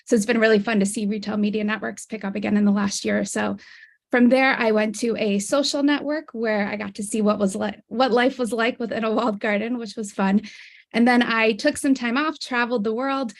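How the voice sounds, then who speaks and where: A woman's voice: fairly high pitch, fairly even intonation, fairly quick, creaky. A woman giving a casual, upbeat self-introduction as a panelist on an online video call.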